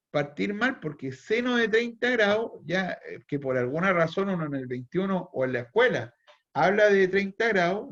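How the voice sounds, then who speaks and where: A man's voice: sits high, fairly bright tone, highs cut off. A man with a Chilean accent teaching a university math class online, thinking aloud, restarting phrases and quizzing his students. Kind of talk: online lecture.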